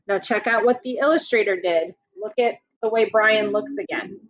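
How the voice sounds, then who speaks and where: A woman teacher reads a picture book aloud to children, pausing to ask the class questions. Her medium-pitched voice is slow and patient, and the recording has its highs cut off.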